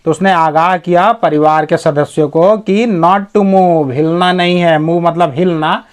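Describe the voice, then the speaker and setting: Man, teacher, slow deliberate reading, explains each word, fairly high pitch. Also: fairly even intonation. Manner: reads English slowly, then explains in Hindi. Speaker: English teacher. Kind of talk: line-by-line story reading lesson.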